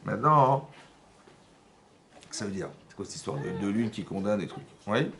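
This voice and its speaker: Un homme qui donne un cours religieux dans une synagogue, avec un accent français. Il pose des questions au public et joue les dialogues avec animation. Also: male voice, on the low side, moderate pace, gravelly, slight background noise. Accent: French. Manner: animated, acts out dialogues, asks the audience questions. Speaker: rabbi teaching a class. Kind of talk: lively religious lesson. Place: synagogue class room.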